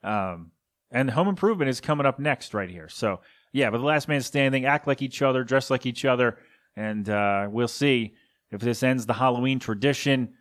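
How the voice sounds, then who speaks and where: A man's voice: medium pitch, normal speed. A man hosting a casual solo podcast, rambling through listener suggestions with chuckling asides and lots of ums and uhs. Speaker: podcast host.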